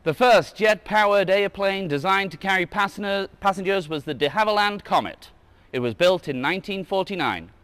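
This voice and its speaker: A man with a high, slightly bright, clean-toned voice reads a children's book aloud as a museum guide, heard in a dry recording. He tosses in casual asides, stumbling over words now and then and correcting himself.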